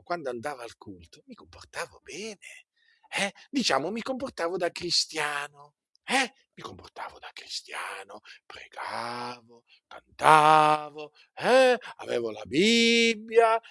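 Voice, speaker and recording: A male preacher delivers a sermon with an animated delivery, full of repetition and rhetorical questions. His voice sits fairly high and moves through a wide range. The recording is dry and close. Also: no echo.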